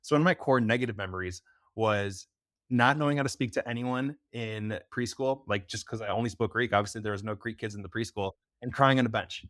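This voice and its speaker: Speaking in a lowish, slightly bright voice, a young US man appears as a podcast guest and preventative health expert in a casual interview. He talks quickly and loosely, dropping in many fillers. The studio-quality audio has no echo.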